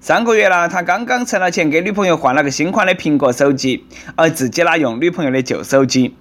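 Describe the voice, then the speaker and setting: A man's voice: a little high, animated, fast, a bit bright. A man with a Nanchong Sichuanese accent, delivering comic news commentary in a sarcastic, bantering way.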